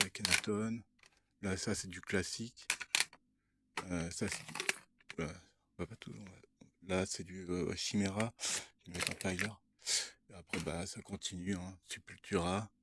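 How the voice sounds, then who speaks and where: A man's voice: low-pitched, very noisy. A young man talking casually to camera, showing what he bought, hesitant with many fillers and restarts. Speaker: vlogger. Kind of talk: casual show-and-tell vlog.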